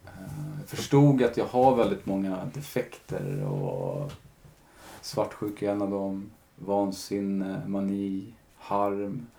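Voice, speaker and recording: On a podcast, a male guest recounts his own story candidly and reflectively, often replaying conversations with plenty of fillers. His lowish voice is animated and creaky, with a warm tone.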